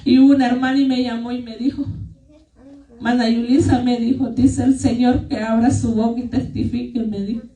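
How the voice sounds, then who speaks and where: A woman's voice: fairly high pitch, little pitch movement, moderate pace, mellow. A woman giving an earnest, emotional testimony to her church congregation. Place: church hall. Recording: echoey church hall, mic far off.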